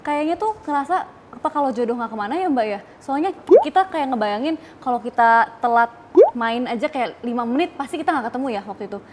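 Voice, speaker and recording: A woman guest telling her story in a lively, chatty way, slipping into English phrases. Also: a little high, fast, background noise. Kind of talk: casual interview chat.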